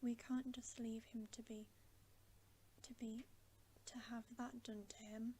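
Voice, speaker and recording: A woman whispering the part of an urgent, well-meaning schoolboy in a storybook, halting yet insistent. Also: on the high side, little pitch movement, mellow, slight background noise.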